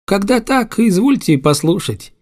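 A man's voice: sits high, sing-song, unhurried, a little mellow, pitched above the performer's own voice, exaggerated voice. A man doing a sly, fawning tavern gossip. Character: sly gossiping male tavern keeper's son.

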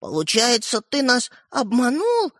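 A man's voice: high-pitched, animated, a little fast, dry recording, studio quality. A man voicing a thoughtful, easily hurt young boy in a storybook, asking questions. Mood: questioning, hurt.

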